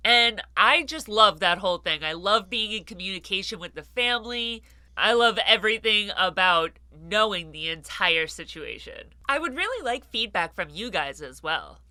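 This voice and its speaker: Congested woman with a bright, nasal voice. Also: mid-range voice, sing-song, normal speed, no echo. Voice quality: congested, blocked-nose nasal sound. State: sick with a stuffed nose. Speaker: host of a true-crime gangster show. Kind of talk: casual true-crime video narration.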